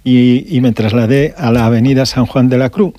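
An older man from Galicia tells his story as a radio guest, taking his time and restarting his phrases. His voice sits at a middle pitch. The studio sound is dry and close. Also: steady tone, mellow, dry recording. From Galicia, Spain. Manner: unhurried storytelling with pauses and restarts. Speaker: guest, electronics shop owner. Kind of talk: radio interview.

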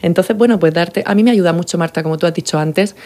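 A woman from Murcia with a Spain Spanish accent, an author talking in a casual interview in a lively, playful way and laughing often. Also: fairly low pitch, fast. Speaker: author and guest.

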